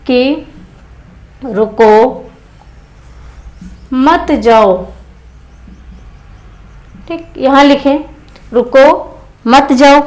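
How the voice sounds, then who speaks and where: A woman teacher's high voice carries an exam-prep grammar lesson. She goes step by step, repeats key phrases for emphasis and asks her students questions before she answers them herself. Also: low-quality recording.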